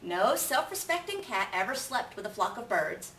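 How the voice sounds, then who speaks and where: A woman's voice: mid-range voice, very animated, moderate pace, a bit bright. A woman voicing a stern mother cat who scolds and lectures with heavy emphasis. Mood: scolding. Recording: roomy, distant mic with faint noise.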